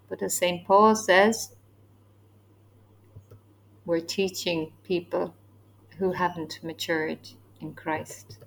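Slow, earnest woman teaching faith. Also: on the low side, a little hiss or hum, rough recording. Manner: earnest and emphatic, acting out quoted voices. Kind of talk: spoken teaching podcast.

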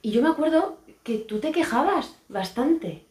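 A woman's voice: high voice, animated, unhurried. Woman host, chatty, asks stuff, echoey room. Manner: warm and chatty, asks and praises. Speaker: podcast host. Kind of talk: casual podcast chat. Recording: roomy echo.

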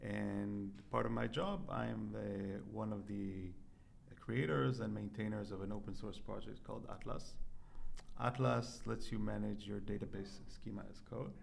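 A man's voice: on the low side, steady tone, moderate pace, vocal fry. A man from Israel, a company co-founder and guest, explaining things methodically in a conversational interview with frequent restarts. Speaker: guest, startup CTO. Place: convention hall.

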